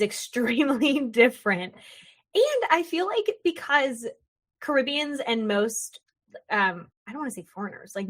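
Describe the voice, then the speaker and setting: A young woman hosting a podcast, chatty and animated, drifting into tangents and acting out quick voices. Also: a little high. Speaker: podcast host. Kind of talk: casual podcast conversation.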